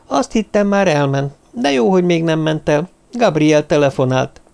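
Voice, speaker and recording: A man voicing an eager, chatty young woman who talks in excitable bursts, in a storybook reading. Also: low voice, creaky, pitched above the performer's own voice.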